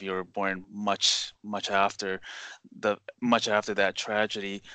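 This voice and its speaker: A man's voice: on the low side, pushed and bright, clean tone, no room sound. A man hosting a podcast interview, asking questions in an earnest, respectful way. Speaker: podcast host.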